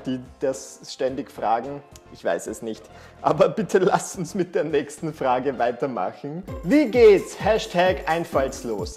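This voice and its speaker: A man's voice: a little high, a little mellow. Young man, YouTuber, dry sarcastic delivery, close lapel sound in a small room, light music under. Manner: sarcastic, exasperated, theatrical. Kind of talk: casual vlog talk to camera. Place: small bright room indoors. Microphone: lapel mic.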